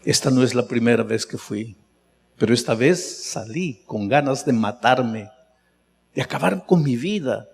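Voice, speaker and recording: A male pastor voicing a tearful young man who pleads for help in a low, broken voice. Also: slow pace, darkish tone. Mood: despairing. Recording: long reverb of a large hall.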